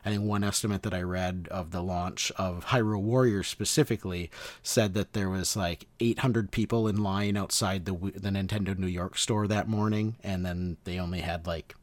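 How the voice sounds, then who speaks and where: A man co-hosts a podcast in a loose, casual chat. He rambles and keeps restarting his sentences. His voice sits low and sounds dry and close to the mic. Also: fairly even intonation, moderate pace, dry recording. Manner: rambling, self-correcting. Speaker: co-host.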